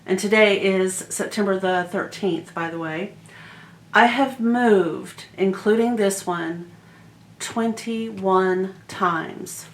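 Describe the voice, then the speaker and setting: Slow-talking woman in an echoey room. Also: medium pitch. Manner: rambling, informal, addresses viewers directly. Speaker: vlogger. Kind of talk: casual chatty home vlog. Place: indoors, emptied rooms of a house.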